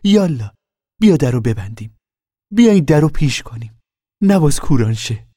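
A man playing a bossy, excitable farm wife who takes charge as midwife, in a spoken storybook. She talks loud and raised in pitch, giving orders and coaxing. Her tone is commanding and lively. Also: no echo, studio quality.

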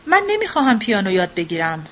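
A woman's voice: medium pitch, wildly swooping pitch, a bit bright, muffled recording. A woman voicing a stubborn young boy at a piano lesson who answers in short, indifferent replies. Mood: sulky.

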